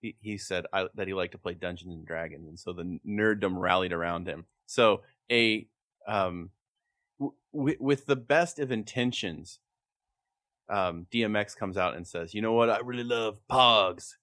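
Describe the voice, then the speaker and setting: A man co-hosting a casual comedic chat, building absurd bits in a deadpan storytelling manner. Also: low-pitched, a little slow, no room sound. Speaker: podcast co-host.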